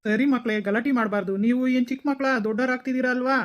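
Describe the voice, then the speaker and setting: Brief: rapid, reasoning cartoon father voiced by a woman, fairly high. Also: steady tone, muffled recording, a little hiss or hum, close to an everyday voice. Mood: lecturing. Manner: lecturing, reasoning. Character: calm scolding middle-aged father.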